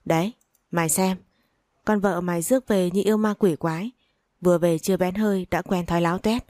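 A woman's voice: on the low side, fairly even intonation, a little fast, dark tone, no echo, studio quality, lightly acted. A woman reading the lines of a greedy, spiteful older mother-in-law who scolds and curses. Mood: furious. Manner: scolding, cursing, sneering.

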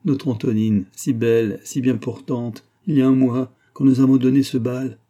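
A timid, heartbroken older father in a storybook reading, lamenting in a plaintive way, as a man reads him with a dark, husky voice. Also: medium pitch, steady tone, normal speed, dull audio, pitched above the performer's own voice, natural voice.

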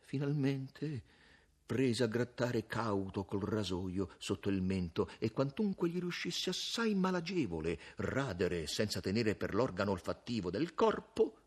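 Male narrator for a classic story reading: husky, theatrical, lively swings of pitch. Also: a little slow. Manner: theatrical, with sudden drops to a hush.

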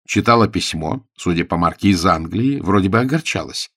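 A man narrating an audiobook with a lively, expressive reading. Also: sits low, a little fast, husky, no echo, clean studio sound.

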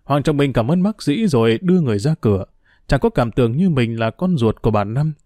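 A male narrator reading a novel aloud with a steady, even storytelling manner. His voice is mellow and warm, recorded close with no room echo. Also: mid-range voice, brisk. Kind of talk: audiobook narration.

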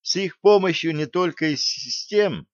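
A timid, fussy male scientist , put on by a male audiobook reader, who talks in a higher, hesitant, apologetic voice. The recording is dry and a bit dull. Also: animated, unhurried, no room sound. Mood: eager.

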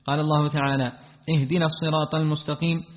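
A man reading a classical text aloud to his teacher, rushing and restarting when he stumbles over words. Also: a little high, little pitch movement. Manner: rapid reading with frequent restarts after stumbles. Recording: tinny phone-like sound with a long hall reverb.

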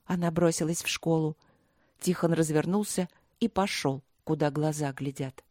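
A woman narrating an audiobook with steady, even storytelling. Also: sits low, moderate pace, dry recording, studio quality. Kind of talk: audiobook reading.

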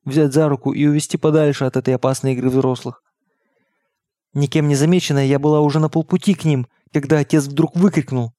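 A man narrates a novel in a steady, measured way. His voice sits a little high and sounds mellow and soft. The recording is dry and close, with no room sound. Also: no room sound. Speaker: audiobook reader. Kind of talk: scripted narration.

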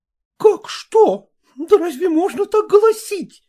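A woman voicing a sharp, scornful city housemaid who scolds and exclaims. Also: very high voice, animated, slow, pitched above the performer's own voice, heavily acted. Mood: scolding.

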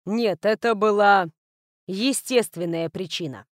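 A woman voicing a calm young male heir who speaks in an even, emotionless tone, read as part of a storybook narration. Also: medium pitch, normal speed, no room sound, clean studio sound, lightly acted. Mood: cool, level.

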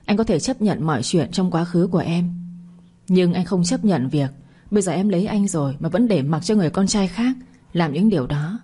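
Proud young husband, reproachful, low and breathy, as a woman reads him. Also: animated, warm tone. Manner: reproachful, measured.

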